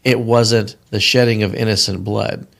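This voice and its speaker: A man with a gravelly, low-pitched voice leads a casual Bible study discussion. He explains Scripture earnestly, working through his thoughts aloud and often restarting his sentences. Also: steady tone, moderate pace.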